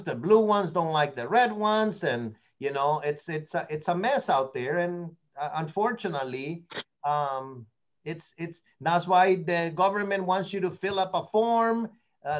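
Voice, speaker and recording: An older man who isn't a native English speaker runs a real estate training meeting, his high-pitched voice coming through a muffled meeting recording. He talks in an opinionated, rambling way and keeps repeating words.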